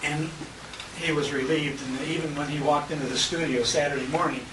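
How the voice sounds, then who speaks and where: A slightly high, brisk male voice with fairly even intonation comes from well away from the handheld compact camera. The American radio show host is emceeing a tribute dinner, telling casual stories that quote conversations. It's a noisy, echoey restaurant banquet room.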